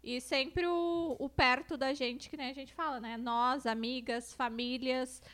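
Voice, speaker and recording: Gaúcho woman, high voice, laid-back guest on a talk show, lots of fillers. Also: fairly even intonation, a little slow, fairly bright tone. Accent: southern Brazilian, gaúcho. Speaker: guest, influencer. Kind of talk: casual chat.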